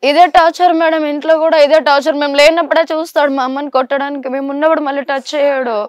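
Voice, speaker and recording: A woman's voice: high voice, flat delivery, rapid-fire, no echo. A young woman, a daughter of the family, urgently complaining about the abuse at home.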